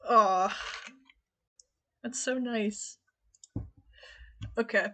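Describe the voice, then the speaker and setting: A woman's voice: mid-range voice, fairly even intonation, extremely slow, fairly bright tone. A woman streamer talking casually to her chat while playing a game, chatty and rambling, often laughing.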